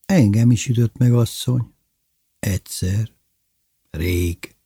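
A man voicing a weary older man, a former prisoner, who speaks quietly and haltingly. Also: lowish voice, breathy edge, dry recording, studio quality. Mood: somber.

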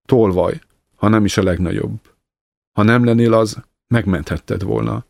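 Egy férfi, aki egy szigorú, kérlelhetetlen öregasszonyt szólaltat meg mogorva, kurta mondatokkal. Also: male voice, fairly low pitch, vocal fry, darkish tone, no room sound. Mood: accusing. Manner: curt, harsh, grumbling. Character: stern, unforgiving old woman, a hard mother-in-law.

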